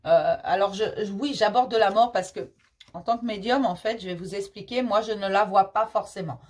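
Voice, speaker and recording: A woman medium speaks in a mid-range voice at a moderate pace during a casual tarot reading. Reassuring and talkative, she calls the listener "mon petit chéri" and leans on fillers and repetition.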